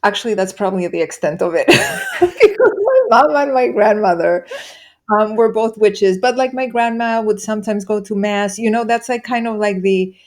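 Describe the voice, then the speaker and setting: A woman from Chile speaks as a podcast guest, with a voice of ordinary pitch. Her talk is open and chatty, and she laughs easily as she speaks. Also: very animated, normal speed, darkish tone. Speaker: podcast guest, spiritual teacher. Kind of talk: casual interview talk.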